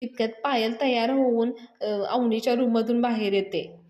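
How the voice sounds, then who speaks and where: High-voiced woman retelling a serial. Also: normal speed. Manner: lively retelling, acting out the characters. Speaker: serial recap host. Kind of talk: storytelling episode recap. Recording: roomy echo.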